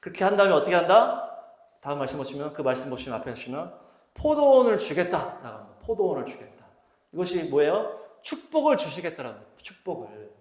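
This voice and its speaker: A male pastor preaching a sermon, posing rhetorical questions to the congregation and slowly reading scripture aloud. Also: a little high, sing-song, a little mellow, reverberant. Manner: asks the congregation rhetorical questions and answers them; reads scripture slowly and deliberately. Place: church hall.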